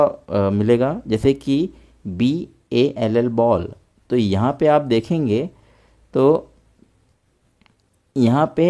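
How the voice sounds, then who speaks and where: A man's voice: mid-range voice, mellow. A young man patiently explaining English pronunciation step by step, speaking as a teacher in a lesson.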